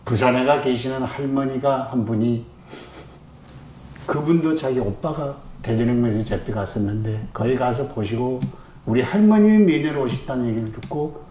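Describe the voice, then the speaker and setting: A man in his seventies speaks in an interview as a victim's family member, quiet and measured. His tone is mellow and dark, and the room around him rings a little. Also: mid-range voice, roomy sound, a little hiss or hum, rough recording.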